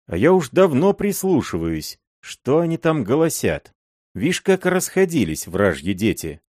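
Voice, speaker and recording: A man's voice: mid-range voice, wildly swooping pitch, unhurried, a little mellow, no room sound, studio quality, voice pushed up. Man voicing a shrewd folksy robber chief. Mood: gruff persuasion. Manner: folksy, persuasive, earthy. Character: shrewd older male robber chief, blunt.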